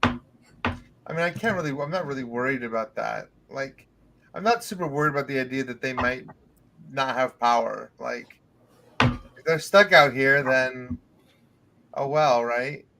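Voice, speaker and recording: A man's voice: medium pitch, unhurried, creaky, long pauses, bright, forceful tone, poor audio. A man playing a tabletop role-playing game, talking casually with hesitant, conversational phrasing. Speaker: player.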